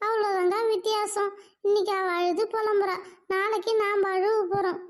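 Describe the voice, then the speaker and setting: A very high, piping voice for a cartoon village woman who gossips and mourns with sing-song drama, as someone acts her out. She sighs over a neighbour's bad luck and warns the others it is coming for them too. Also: little pitch movement, normal speed. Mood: lamenting. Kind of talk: cartoon dialogue.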